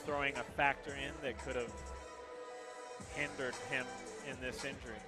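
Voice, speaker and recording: A man's voice: mid-range voice, little pitch movement, moderate pace, over loud music. A man commentating on mixed martial arts as a fight commentator, often repeating words for emphasis. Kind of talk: MMA commentary.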